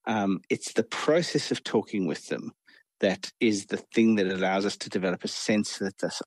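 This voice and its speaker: A man's voice: fairly low pitch, normal speed, dry recording. A man, a professor, talking thoughtfully in an interview clip with some fillers.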